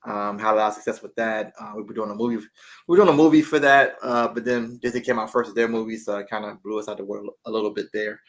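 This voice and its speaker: A man being interviewed about his animated show, relaxed and a bit hesitant. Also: lowish voice, quick pace. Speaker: guest, show creator. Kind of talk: casual interview.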